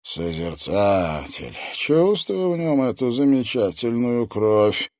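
A man's voice: medium pitch, sing-song, slow, darkish tone, no echo, studio quality, voice pushed up. A man voicing a cruel, scornful old male puppet lord in an audiobook. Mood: sneering. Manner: scornful, mocking.

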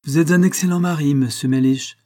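A man reading an audiobook, voicing a prim, spiteful middle-aged widow who feigns gentle sweetness and insinuates. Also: a little high, brisk, voice pushed up, natural voice. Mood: falsely sweet.

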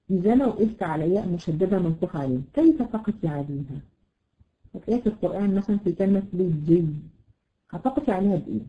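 A woman with an Egyptian accent teaching a tajweed lesson, slowly drawing out example words with many fillers. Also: on the low side, muffled recording. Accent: Egyptian Arabic. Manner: patient, drawn-out example words, frequent fillers. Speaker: Quran recitation teacher.

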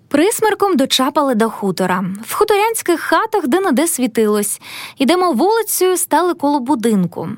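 A woman narrating a classic tale as an audiobook, with expressive, lilting storytelling. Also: high-pitched, no room sound.

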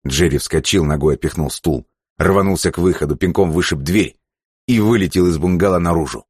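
A male narrator with a very deep, husky voice reads a novel in a steady, dramatic way. The sound is close and dry, with no room around it. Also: fairly quick, no room sound. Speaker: audiobook narrator. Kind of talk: scripted narration.

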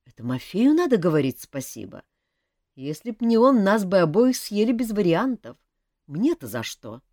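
A woman voicing a playful young king in a storybook, easygoing and teasing, voice leaping up and down in pitch, dry close recording without room sound. The reading stays lively and expressive throughout. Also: normal speed, no room sound. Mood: flustered. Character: young man, a good-humoured teasing king.

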